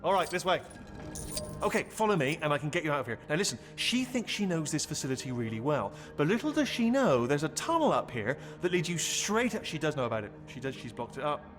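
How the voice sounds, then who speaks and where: Bumbling, high-pitched little robot helper Wheatley. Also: male voice, big pitch swings, fast talker, music in the background. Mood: eager, muddled. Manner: rambling, stammering, self-correcting, flustered. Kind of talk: video game character acting.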